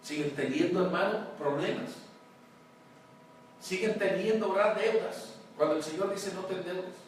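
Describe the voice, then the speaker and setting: A man's voice: high-pitched, normal speed. Emphatic male pastor in an echoey hall. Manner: emphatic preaching, swings between loud and hushed; addresses congregation as "hermano", asks "¿verdad?". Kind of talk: sermon. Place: large church hall. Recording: very echoey church hall, mic far off, faint noise.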